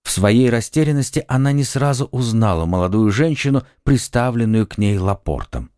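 A man reading a children's audiobook as narrator, in a measured storytelling manner. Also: medium pitch, animated, warm tone, clean tone, no echo, clean studio sound.

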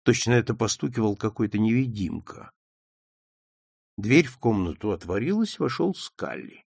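Gravelly man reading an audiobook. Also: lowish voice, lively intonation, moderate pace, a little mellow, no room sound, studio quality. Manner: dramatic, vivid reading. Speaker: audiobook reader. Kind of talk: expressive audiobook narration.

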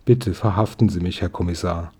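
An eager, polite country schoolboy who turned detective, voiced by a man reading aloud. He chatters with raised pitch and bright enthusiasm, though the voice keeps a husky edge. He sounds like a character from a storybook audiobook. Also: brisk.

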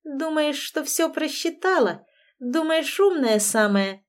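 A brash, unshaven young bully who sneers and taunts in coarse street slang, as a woman reading the story puts him on. The voice sits fairly high and drawls its jeers slowly. It is a spoken storybook performance. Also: close to an everyday voice. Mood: spiteful. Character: crude scruffy young man, brash bully. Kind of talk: audiobook reading.

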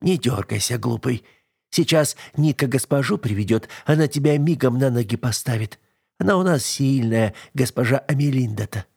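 A man voicing a fussy but caring older servant woman in an audiobook. She scolds and exclaims one moment and comforts gently the next. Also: mid-range voice, animated, moderate pace, husky, pitched above the performer's own voice. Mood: tender. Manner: scolding yet tender, exclaiming. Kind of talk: audiobook character voice.

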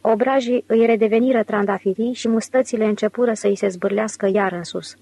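Woman reading an audiobook, steady and clear, mid pitch. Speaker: audiobook narrator. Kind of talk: scripted narration.

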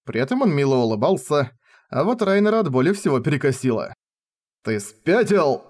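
Expressive male audiobook narrator. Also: fairly high pitch, quick pace. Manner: expressive, dramatic storytelling. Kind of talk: audiobook narration of a light novel.

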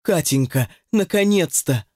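A man's voice: a little high, lively intonation, measured pace, darkish tone, no echo, studio quality, pitched above the performer's own voice. A man reading an audiobook, voicing an insistent, pleading middle-aged witch in a raised voice. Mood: excited. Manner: insistent, pleading, honeyed when coaxing.

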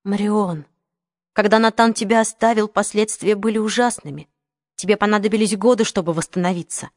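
A woman reading the part of an ailing older father who pleads and evades, in a lowered, subdued audiobook voice. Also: steady tone, a little fast, a little mellow, no room sound, clean studio sound, close to an everyday voice. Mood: urging. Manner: hesitant, pleading.

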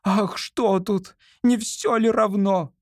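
A man voicing a hypnotized old woman who believes she is a twenty-year-old actress, speaking in high, excited exclamations. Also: slow, no echo, studio quality. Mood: giddy.

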